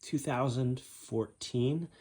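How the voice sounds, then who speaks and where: A man casually narrating a walking tour of a house, offhand and relaxed with frequent ums. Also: medium pitch, slow pace. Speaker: home tour host. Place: inside a house being toured.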